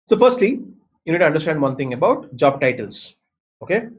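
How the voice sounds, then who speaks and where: With a slightly high voice and a brisk, very animated delivery, an Indian-accented man mentors a design workshop by explaining and answering questions. He repeats key points emphatically and keeps checking in with those listening.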